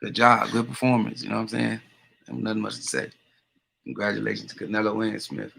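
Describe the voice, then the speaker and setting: Male boxing co-commentator, creaky and forceful, terse casual slang, blunt verdicts. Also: fairly low pitch, steady tone, brisk. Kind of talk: casual post-fight commentary.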